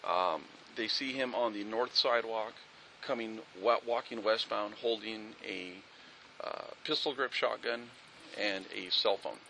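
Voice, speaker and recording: A man's voice: lowish voice, measured pace, gravelly, bright, forceful tone, slight background noise, rough recording. A man, a police officer, giving a methodical, factual incident briefing outdoors at a street scene, with frequent fillers.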